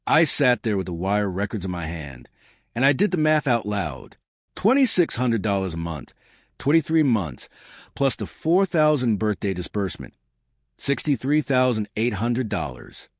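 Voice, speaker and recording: A man narrating a first-person story in a measured, dramatic storytelling manner. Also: on the low side, very animated, no echo, clean studio sound.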